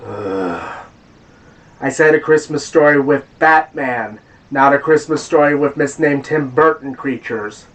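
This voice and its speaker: Narrating a scripted game review for his video essay, a man still recovering from a cold speaks deliberately and at a measured pace. His voice is mid-range, and there's noise in the background.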